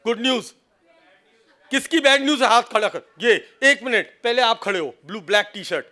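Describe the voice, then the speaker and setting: A man giving a lively seminar lecture on cyber safety to a live audience, mixing Hindi and English and acting out phone calls as he teases the listeners. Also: very high-pitched, normal speed. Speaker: seminar speaker on cyber crime.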